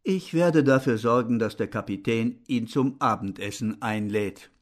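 A male narrator voicing a gruff, impatient mustached gentleman who answers in curt, grumbling remarks. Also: medium pitch, a little slow, natural voice.

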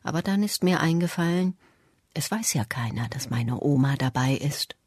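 An adult reader giving a measured first-person storybook narration. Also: medium pitch, expressive, darkish tone, dry recording, clean studio sound. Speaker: audiobook reader.

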